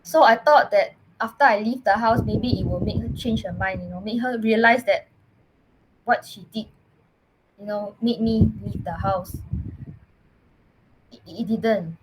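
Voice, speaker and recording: A woman with a Singaporean English accent telling her own story as a podcast guest, earnest and halting, often restarting her words. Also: mid-range voice, noisy background. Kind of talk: personal storytelling in casual chat.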